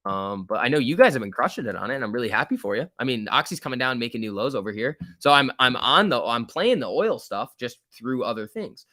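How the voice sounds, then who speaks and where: A man's voice: medium pitch, bright, forceful tone, no room sound, clean studio sound. A man hosting a live stock trading stream, chatting casually in slangy, chummy off-the-cuff commentary as he answers viewers. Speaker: stock trading livestream host.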